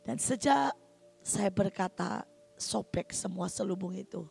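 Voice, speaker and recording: Woman preaching, gravelly voice, speaks to congregation, faint music behind. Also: mid-range voice, measured pace. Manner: addresses congregation often, swings from quiet to loud. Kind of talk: sermon testimony.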